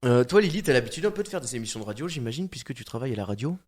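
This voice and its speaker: A man's voice: medium pitch, big pitch swings, very fast. Joking French man hosting radio chat. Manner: jokey, laughs often, trailing fillers. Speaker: podcast host. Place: radio studio.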